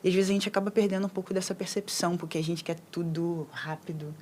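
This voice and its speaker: A woman speaking calmly and reflectively in a casual talk about prayer. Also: fairly low pitch, fast, a little hiss or hum. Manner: calm, reflective, often ends phrases with né. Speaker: guest on a faith livestream. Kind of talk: casual faith chat.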